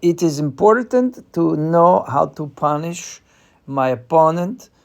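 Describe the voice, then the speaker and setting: A man playing a confident chess player with an Eastern European accent, explaining a game in a deliberate, hesitant way. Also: a little high, lively intonation, creaky, exaggerated voice. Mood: assured. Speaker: chess player giving a tutorial.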